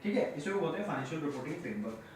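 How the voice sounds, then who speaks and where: A high-pitched male teacher lectures on audit terms, asking his class questions and answering them himself. His voice rings through a very echoey room, picked up from a distance with faint noise behind. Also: animated, very fast.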